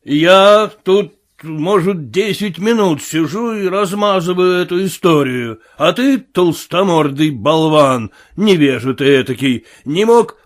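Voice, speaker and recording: A man voicing a talkative, grumbling old sailor who is quick to anger. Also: medium pitch, voice pushed down. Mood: angry.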